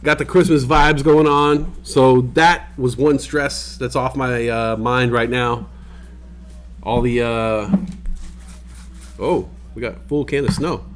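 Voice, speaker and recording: A man's voice: mid-range voice, fairly even intonation, takes it slowly. A man hosting a livestream in a casual, rambling chat full of fillers, with the hiccups. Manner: laid-back, rambling with many fillers. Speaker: livestream host. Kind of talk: casual chat to stream viewers. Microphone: desk microphone.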